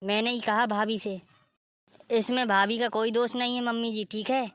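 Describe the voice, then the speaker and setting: A woman's voice: a little high, flat delivery, moderate pace, clear, resonant tone, dry recording, natural voice. A woman voicing a kind, supportive young sister-in-law in a cartoon story. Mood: reassuring. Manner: reassuring, kind.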